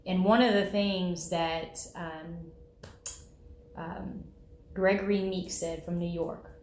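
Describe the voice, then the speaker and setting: A woman's voice: lowish voice, steady tone, takes it slowly, a little mellow, a little hiss or hum. A woman loan officer explaining the home loan process in a conversational way, often checking in with "okay?". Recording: roomy, echoey room.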